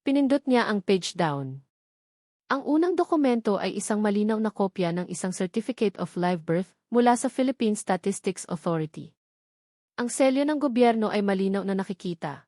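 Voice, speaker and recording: A woman with a Filipino accent narrates a scripted story in a dramatic storytelling style. Her voice is medium-pitched and a little mellow, captured with clean studio sound and no room sound.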